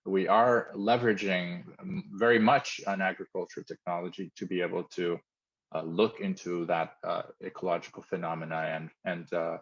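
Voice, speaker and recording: Low-voiced man on a muffled call. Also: steady tone, normal speed. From Mozambique. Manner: thoughtful, explanatory, with frequent fillers. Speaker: company founder, interview guest. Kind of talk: video call interview. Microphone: video call.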